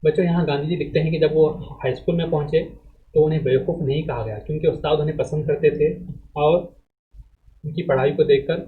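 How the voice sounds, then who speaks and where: A man with a slightly raised voice reads a set text aloud, then explains it to his students, restarting phrases as he goes. His delivery is measured and explanatory. The sound is thin and narrow, like a phone line. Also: on the high side, fairly even intonation. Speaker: teacher. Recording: phone-like narrow band audio.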